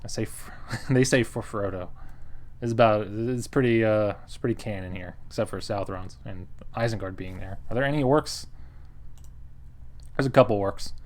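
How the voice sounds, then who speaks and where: A man's voice: lowish voice, normal speed, a little mellow. A man giving a casual, wry recap of a board game he played, often laughing and quoting the table. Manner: wry, chuckling, acts out table quotes.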